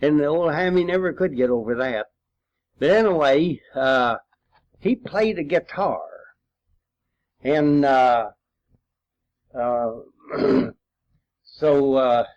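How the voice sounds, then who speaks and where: An elderly man in his 80s or older, with a rural American accent, reminisces about his time as a war veteran in an informal oral-history recording. His medium-pitched, slightly mellow voice has lively intonation, and his folksy, rambling stories are broken by frequent throat-clearing pauses. The home recording sounds dull and lo-fi.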